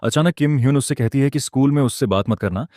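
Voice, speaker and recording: A man narrating a story recap in a scripted, even storytelling delivery. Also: mid-range voice, quick pace, dry recording, studio quality.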